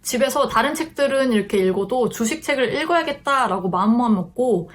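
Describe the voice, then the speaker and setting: Young woman chatting thru self-improvement tips, friendly, kinda high voice, acts out her own thoughts. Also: expressive, brisk. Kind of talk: casual advice talk to camera.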